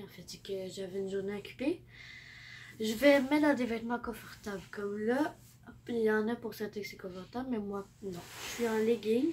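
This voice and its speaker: A woman's voice: mid-range voice, background noise. A teenage girl with a Québécois French accent who has the flu, giving rambling tips in a casual vlog and often dropping to a near-whisper. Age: teens. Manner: rambling, self-correcting, drops to near-whispers. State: sick with the flu. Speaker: vlogger.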